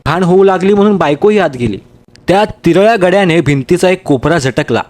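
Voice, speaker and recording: A man reading a story aloud in a steady, measured way. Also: sits high. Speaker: story reader. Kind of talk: storybook narration.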